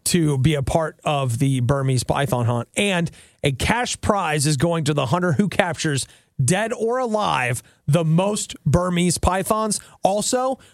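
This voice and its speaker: A man's voice: fairly high pitch, expressive, measured pace, dry recording, studio quality. A man co-hosting a casual chat show, wry and joking as he reads out news items. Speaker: co-host.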